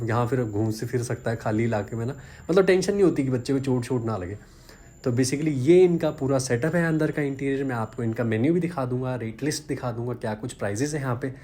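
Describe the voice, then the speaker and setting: Chatty man, mellow voice. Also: medium pitch. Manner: chatty, self-deprecating, conversational. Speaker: vlogger. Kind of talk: casual vlog narration.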